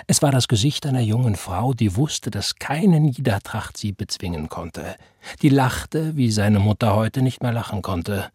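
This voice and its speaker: Husky man narrating a literary audiobook. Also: fairly low pitch, animated, a little slow, darkish tone, no room sound, studio quality.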